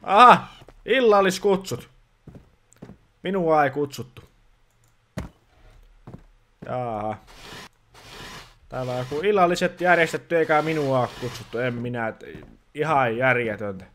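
A man's voice: a little high, lively intonation, long pauses, sharp tone, slight background noise. Grumbling man scolding a horror game. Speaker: gaming channel host playing a dad persona. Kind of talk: casual let's-play commentary.

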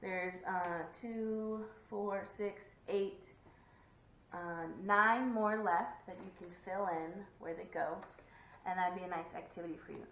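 A woman's voice: medium pitch, fairly even intonation, a little slow, slight background noise. A woman teacher giving a video lesson to young children, encouraging and sing-song, clapping out syllables. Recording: echoey room, dull lo-fi sound.

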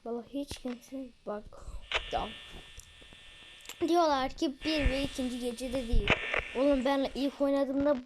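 Excitable chatty girl gamer, noisy mic. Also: sits high, unhurried, long pauses. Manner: chatty, excitable, talks to viewers. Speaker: let's play gamer. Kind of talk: casual game commentary.

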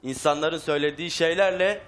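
A man's voice: on the high side, fast, a bit bright. A man in his thirties, a guest on a studio talk show, arguing defensively and repeating himself. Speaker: guest on a family reunion show. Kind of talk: heated argument.

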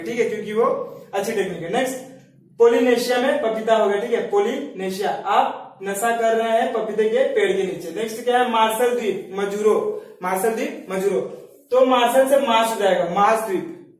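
High-voiced man teaching in an echoey room. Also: a little fast. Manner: asks questions then answers them himself; repeats "okay" between points. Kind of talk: memory-trick lesson. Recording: very echoey room, mic far off.

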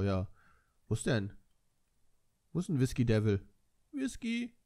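A man's voice: mid-range voice, mellow. A young man giving joking, self-mocking commentary while playing a racing game. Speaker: let's play commentator. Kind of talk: casual gameplay commentary. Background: game music and car sounds.

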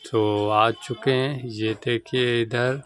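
A man's voice: mid-range voice, steady tone, slow pace, poor audio. A young man filming a casual vlog on a phone held at arm's length, guiding viewers around his shop and a village market. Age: young adult. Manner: chatty guide, points things out to viewers. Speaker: vlogger.

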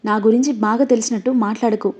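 A woman's voice: fairly high pitch, steady tone, quick pace, mellow, natural voice. A woman reading the lines of a shy young woman who is easily irritated. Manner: reluctant, irritated. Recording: dull lo-fi audio.

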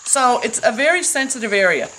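A woman's voice: fairly high pitch, expressive, brisk. A woman in her fifties teaching leg wrapping, explaining step by step in an outdoor courtyard, picked up by a distant camera. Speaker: horse care clinic instructor. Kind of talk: outdoor demonstration talk.

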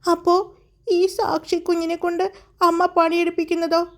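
A woman's voice: very high voice, monotone, normal speed, pitched above the performer's own voice. A woman voicing a cheeky, playful young woman who whines and jokes in a storybook tale. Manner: playful, whiny.

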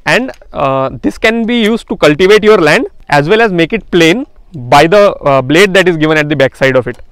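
A man's voice: high voice, no room sound, studio quality. A young man from India hosting a farm channel, talking to camera outdoors in a field and earnestly recommending weed removers, with frequent "uh" fillers. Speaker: farm tool seller and channel host. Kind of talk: product demonstration talk to camera.

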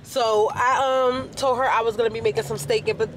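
Talking casually to camera from his car, this man chats with his viewers in a lively, animated manner. He speaks briskly in a very high-pitched voice with fairly even intonation, and the sound of the car runs underneath.

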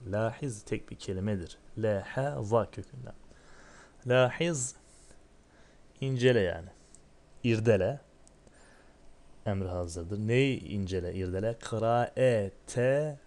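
Male teacher, low-pitched, walks through a textbook lesson with rhetorical questions and slow sounded-out words. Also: vocal fry, a little mellow. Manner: asks himself questions then answers, reads words slowly. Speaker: Arabic teacher.

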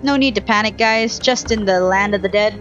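A woman's voice: mid-range voice, brisk, fairly bright tone, muffled recording. Young woman streaming, chatty, faint music behind. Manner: chatty, thinking aloud in short bursts. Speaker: game streamer. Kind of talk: casual live gameplay commentary. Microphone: headset. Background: faint game music.

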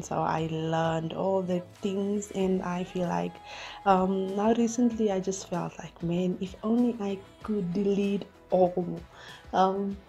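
A woman in her thirties talking through her day as a vlogger in a relaxed, thoughtful way, with lots of fillers. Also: lowish voice. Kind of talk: casual voice-over narration.

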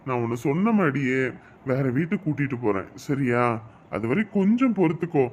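A man's voice: mid-range voice, big pitch swings, brisk, a little mellow, slight background noise, lightly acted. A man playing a devoted young husband who pleads with and reassures his upset wife in a family drama. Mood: soothing. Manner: pleading, reassuring, then grumbling to himself. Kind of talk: melodramatic web-series acting.

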